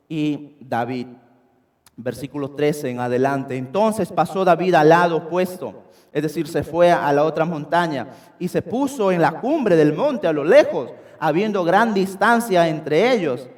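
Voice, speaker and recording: A man's voice: fairly high pitch, a little mellow. A man preaching an expository sermon, emphatic and calling his listeners brethren. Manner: emphatic, addresses the congregation as brethren. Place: church sanctuary. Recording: long church reverb.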